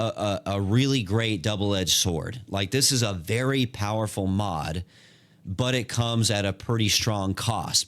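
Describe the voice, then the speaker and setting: Male gaming commentator, lowish voice, slangy, excitable, lots of fillers. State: hiccuping. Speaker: gaming content creator. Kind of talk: casual gameplay commentary.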